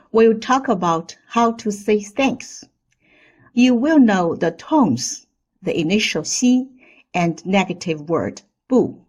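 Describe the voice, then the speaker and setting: Slow, breathy woman teaching a language lesson. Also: medium pitch, a little mellow. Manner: slow, deliberate drills with exaggerated tone demonstrations.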